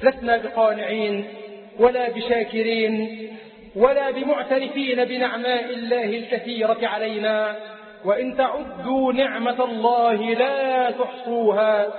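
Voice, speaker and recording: A man's voice: very high-pitched, level tone, normal speed. A man with an Egyptian accent preaching a sermon, emphatic, repeating phrases and rising into a chanting lilt. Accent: Egyptian Arabic. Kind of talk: Friday sermon with chanted cadences. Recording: echoey hall through a tinny lo-fi line.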